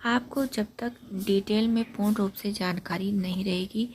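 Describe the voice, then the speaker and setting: A woman teaching an exam-prep grammar lesson, explaining point by point and repeating key facts, with trailing syllables that drop to a breathy near-whisper. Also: mid-range voice, fairly even intonation, normal speed, darkish tone, slight background noise. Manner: repetitive, explains points step by step.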